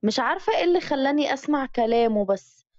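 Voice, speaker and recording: A woman's voice: high-pitched, lively intonation, fast talker, darkish tone, dry recording. A woman with an Egyptian accent voicing a sly, scheming young woman who talks in a confiding way. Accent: Egyptian Arabic. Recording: dull dry lo-fi recording.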